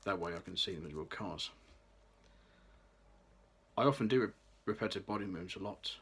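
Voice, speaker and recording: A brisk speaker, this young man from Birmingham in his late 20s has a low, bright voice with a breathy edge. He reads his scripted personal vlog aloud with care, occasionally going back to restart.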